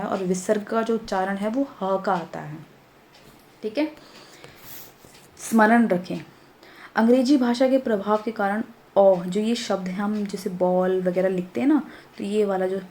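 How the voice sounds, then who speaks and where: A woman teacher walks young pupils through a grammar lesson at an unhurried pace. She repeats key points and keeps checking that they follow. A faint hiss of noise sits under her voice. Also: mid-range voice, darkish tone. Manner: explains slowly, repeats points, checks with "ठीक है?". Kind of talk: Hindi grammar lesson for children.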